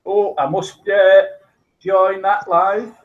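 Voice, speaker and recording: A man's voice: high voice, flat delivery, slow, phone-quality sound. A man chatting on a live stream, hesitant with many restarts. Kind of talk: casual live-stream chat.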